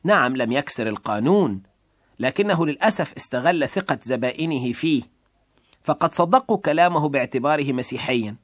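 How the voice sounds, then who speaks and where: A man's voice: on the high side, lively intonation, a little fast, slightly rough, no room sound. Earnest male story narrator, dry sound.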